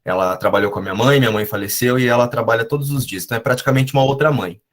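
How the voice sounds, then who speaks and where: A man's voice: medium pitch, rapid-fire. Male group member, mid voice, confessional storyteller over a video call. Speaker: participant sharing in a study group. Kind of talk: personal sharing on a video call.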